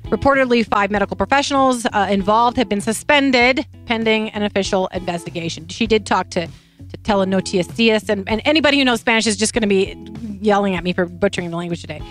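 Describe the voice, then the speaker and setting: A woman's voice: mid-range voice, fast, faint music behind. A woman hosting a talk show. She chats casually through a news story, tells it with a lot of emotion and often restarts her sentences.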